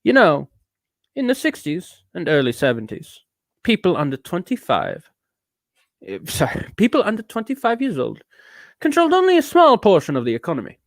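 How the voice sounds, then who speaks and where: A drunk man putting on an affected fake British accent to read aloud in a slow, grand, pompous way. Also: high voice, huge pitch swings, no echo, full character voice.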